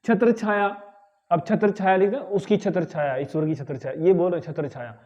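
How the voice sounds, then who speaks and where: High-voiced man teaching grammar. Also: a little mellow, highs cut off. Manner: repeats words slowly to correct pronunciation, asks "ठीक है?". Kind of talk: spoken lesson.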